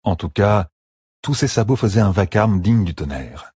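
A man narrating a fantasy battle audiobook with steady, dramatic storytelling. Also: lowish voice, normal speed, breathy edge, dry recording, clean studio sound.

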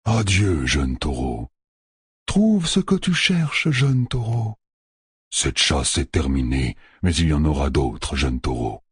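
A man's voice: extremely low pitch, very animated, slow pace, breathy edge, dry recording, clean studio sound, exaggerated voice. A man reading an audiobook voices departing wolf spirits in a solemn, distant chant.

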